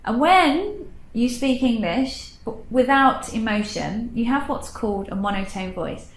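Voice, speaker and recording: A woman teaching English speaking, explaining tone slowly and deliberately. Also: a little high, expressive, reverberant, slight background noise. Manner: slow, deliberate teaching voice with exaggerated tone demos. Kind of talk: instructional explanation.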